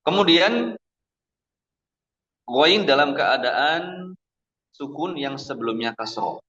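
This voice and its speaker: A man teaching Quran pronunciation at a mosque study session. He drills each sound slowly and repeats it several times, contrasting the correct reading with wrong ones. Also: a little high, lively intonation, pushed and bright. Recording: dull lo-fi lecture recording.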